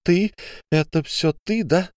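A man reading an audiobook, voicing a furious, bitter young woman who hurls accusations in a shrill voice. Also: normal speed, darkish tone, clean tone, no echo, clean studio sound, close to an everyday voice.

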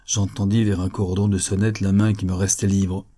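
A man narrating a classic novel as an audiobook in a measured, steady storytelling manner. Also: low voice. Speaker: audiobook reader.

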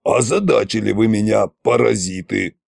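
A man's voice: on the low side, moderate pace, gravelly, darkish tone, no room sound, studio quality. A man voicing Koschei, a boastful, scheming old tsar-sorcerer who grumbles in folksy phrases, in an audiobook. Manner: grumbling, folksy, self-satisfied.

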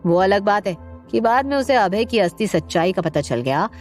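A woman voicing a stern middle-aged father who speaks in a low, weighty, accusing way. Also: expressive, normal speed, faint music behind, natural voice.

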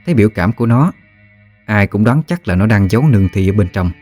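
Male narrator, lowish voice, steady scripted ghost-story reading. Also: fast talker, faint music behind.

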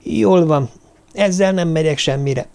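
A man's voice: on the high side, darkish tone, clear, resonant tone, pitched above the performer's own voice, close to an everyday voice. A male narrator voicing a mysterious young woman who mocks and commands. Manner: mocking, commanding. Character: mysterious young woman, mocking then furious.

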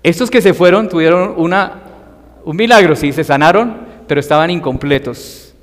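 Guy preaching, kinda high voice, big long echo, gets loud and emphatic. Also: moderate pace. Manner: emphatic, rising to loud acted cries for quoted voices. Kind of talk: sermon.

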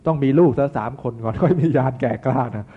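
This Buddhist monk has a husky, mid-range voice and talks quickly. He gives a storytelling sermon, recounting an old tale in a relaxed, folksy style full of asides, captured in tinny-sounding audio.

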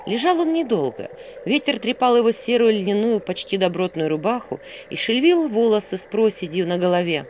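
A woman narrating a fairy tale in an expressive storytelling manner. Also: medium pitch, brisk, a little hiss or hum. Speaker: audiobook narrator.

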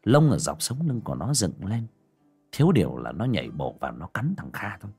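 A man narrating a dramatic audio story in an expressive way. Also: lowish voice, fairly quick, slightly rough, faint music behind.

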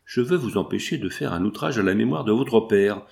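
A man voicing an anguished wealthy industrialist pleading for his sick daughter, with a low voice. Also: animated, brisk, gravelly, darkish tone. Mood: harsh. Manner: pleading, then harsh and insistent.

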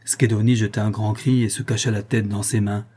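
A man narrating an audiobook in a measured, dramatic storytelling manner. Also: fairly low pitch, little pitch movement, mellow, breathy edge. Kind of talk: scripted narration of a gothic novel.

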